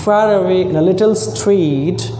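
A man's voice: sits high, unhurried, dark tone, slight background noise. A man reading as a sorrowful statue prince. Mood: sad. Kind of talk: reading a story aloud. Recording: echoey room with long reverb.

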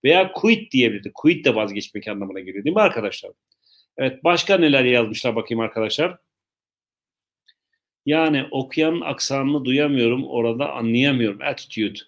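A man teaching English in a live online lesson, explaining slowly, repeating himself and joking with viewers' questions. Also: medium pitch, animated.

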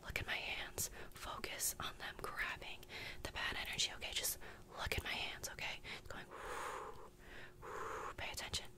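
A young woman whispering fast, aggressive ASMR close to the microphone, breathy and unvoiced, giving insistent, repetitive commands straight to the listener. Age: young adult. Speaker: ASMR performer. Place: bedroom, indoors. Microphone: close desktop condenser microphone with foam cover.

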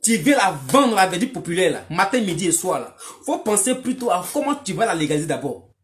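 A woman's voice: fairly low pitch, very animated, a little fast. A woman, delivering a mocking, scolding monologue aimed at a man, repetitive and emphatic. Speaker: online commentator.

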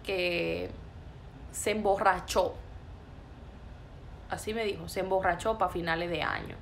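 A woman preaching a sermon in an emphatic, repetitive, forceful way. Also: on the low side, steady tone, measured pace, vocal fry, slight background noise.

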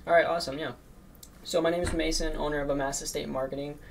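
A teenage guy who runs a marketing agency makes sales cold calls, recorded along with his casual commentary between them. His voice is on the high side and gravelly, with fairly even intonation and a fast delivery. He sounds nervous and leans heavily on fillers like "um" and "like," and there's a slight hiss or hum in the audio.

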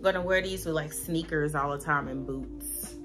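A woman's voice: sits low, moderate pace, soft background music. A woman in her thirties with a Southern US accent, chatting casually to her viewers at home and showing off her new things. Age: 30s. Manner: chatty, playful, talks straight to viewers. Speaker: vlogger. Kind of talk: casual vlog chat to camera. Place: home bedroom.

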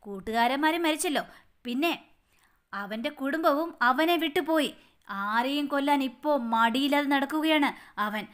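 A woman's voice: high voice, moderate pace, a bit bright. A woman voicing a worried, blunt older uncle. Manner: fretful, blunt.

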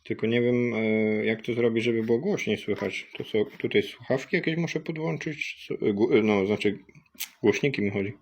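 A man's voice: mid-range voice, normal speed, a little mellow, husky. A man testing gadgets in a casual unboxing vlog, thinking aloud, hesitant, with many fillers. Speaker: product tester vlogger. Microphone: cheap USB microphone.

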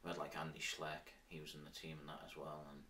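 A man's voice: extremely low pitch, monotone, quick pace, pushed and bright, recorded from a distance, a little hiss or hum. A man in his thirties with an Isle of Man accent, reminiscing informally as an interview guest, in a loose conversational way. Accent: Manx, Isle of Man. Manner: informal, with frequent "sort of" and "like". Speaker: interview guest, former professional cyclist.

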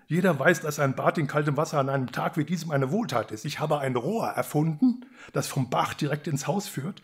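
A man voicing an eager young plumber who is excited about his invention. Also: fairly high pitch, a little fast, voice pushed up, lightly acted.

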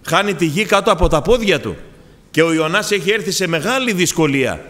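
A man's voice: high voice, expressive, fairly bright tone. A man from Greece preaching a fervent sermon, often calling out to the congregation as brothers.

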